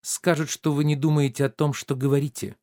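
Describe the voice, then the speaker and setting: A man voicing a sharp-tongued, cheeky female maid in a play reading, teasing and contrary. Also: a little high, flat delivery, fairly quick, dry recording, clean studio sound, natural voice. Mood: pert. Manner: pert, teasing, stubbornly contrary.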